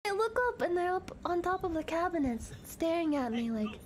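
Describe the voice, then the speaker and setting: A woman's voice: extremely high pitch, very animated, moderate pace. A woman streamer chatting casually as she reacts, with a cute, girlish anime-streamer delivery. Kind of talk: casual live reaction chat.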